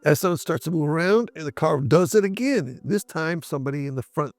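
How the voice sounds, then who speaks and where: A middle-aged man, a guest in an interview, recounting events in a measured way with frequent pauses and fillers. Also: a little high, lively intonation, creaky, no room sound. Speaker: interview guest, Navy veteran. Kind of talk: interview storytelling.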